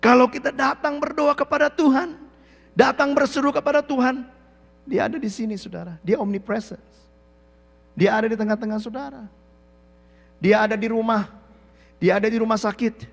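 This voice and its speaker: A man preaching a sermon as pastor, animated, acting out the quotes, sometimes shouting, and mixing English phrases into his talk. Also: extremely high pitch, moderate pace, vocal fry, long pauses. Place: church hall. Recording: echoey church hall.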